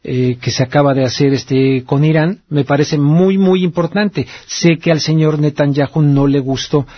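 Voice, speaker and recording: This Mexican-accented man hosts a radio call-in program, chatting in a loose, colloquial way that wanders into reflection. He speaks at a moderate pace in a fairly high voice, captured with no echo but with the highs cut off.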